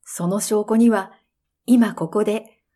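A woman's voice: mid-range voice, fairly even intonation, takes it slowly, dark tone. A woman reading a storybook, voicing a brave, confident young hero who gives firm orders to his dogs. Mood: commanding. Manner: firm commands.

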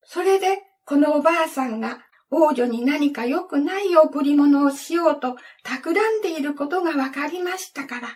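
A woman reads a fairy tale aloud in a very high, gentle voice. She takes her time over every phrase with a slow, measured delivery. The mic sits some way off from her. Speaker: storyteller. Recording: distant from the mic.

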